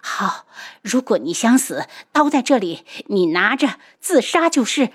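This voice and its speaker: A woman's voice: on the high side, very animated, unhurried, husky, heavily acted. A woman voicing a fiery, passionate young woman healer in an audiobook, speaking sharply and emphatically. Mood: angry.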